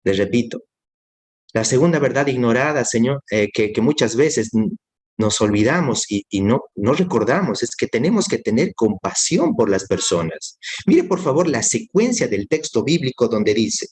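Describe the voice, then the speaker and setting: A man delivers a sermon with steady, earnest conviction. He repeats his main points for emphasis and speaks straight to the listener as a fellow believer, in a voice of ordinary middle pitch. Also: moderate pace, husky. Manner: addresses listener directly as brother. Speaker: preacher.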